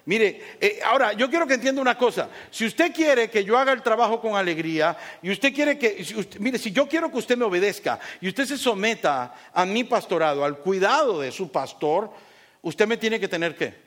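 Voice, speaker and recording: A man preaching a sermon as pastor, animated and joking as he tells personal stories to his congregation. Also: high voice, moderate pace.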